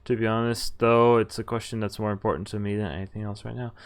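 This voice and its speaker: A man with a lowish, fast voice and little pitch movement streams a visual novel, reading its text aloud. He sometimes stumbles over words and rereads them, with game music playing behind his voice.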